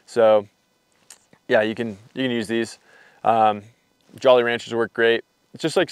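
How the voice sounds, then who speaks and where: Speaking into a camera mic with no room sound, this young hiking vlogger has a smooth, mid-range voice. He rambles loosely and relaxedly through his hiking gear on camera, leaning heavily on fillers as he explains.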